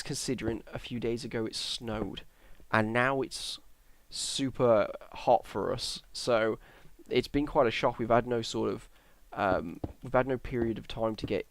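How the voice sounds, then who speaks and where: Tired young Englishman, gravelly and dry. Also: mid-range voice, moderate pace, dry recording. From England. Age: young adult. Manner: rambling, hesitant, self-correcting. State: tired, yawning. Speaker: Minecraft YouTuber. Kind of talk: casual gameplay commentary.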